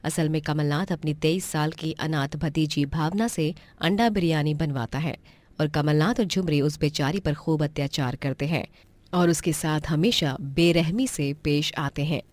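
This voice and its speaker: A woman narrating a storybook cartoon in an even, dramatic telling. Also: sits low, unhurried, dry recording.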